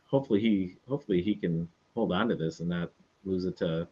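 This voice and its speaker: A laid-back man with a low voice co-hosts a casual sports chat and mostly agrees, swearing now and then. His mic sounds dull and lo-fi. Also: fast, darkish tone, breathy edge. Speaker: podcast co-host. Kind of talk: casual fantasy football chat.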